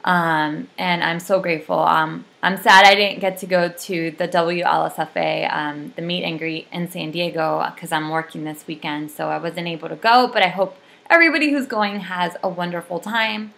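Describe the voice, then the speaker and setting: A woman's voice: lowish voice, fairly even intonation, moderate pace, gravelly, hardly any pauses, a bit bright. A young adult woman giving a casual, rambling video update, full of ums and likes. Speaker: vlogger.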